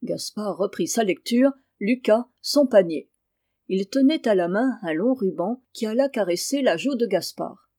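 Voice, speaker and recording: A woman reading a classic children's novel aloud, in a clear, measured way. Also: medium pitch, expressive, dark tone, dry recording, clean studio sound. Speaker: reader.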